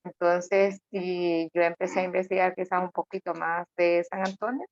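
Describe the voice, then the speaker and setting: A woman guest speaking slowly and reflectively, with fillers. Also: on the low side, fairly even intonation, no room sound. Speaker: panel guest. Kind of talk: personal testimony. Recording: dry muffled lo-fi audio.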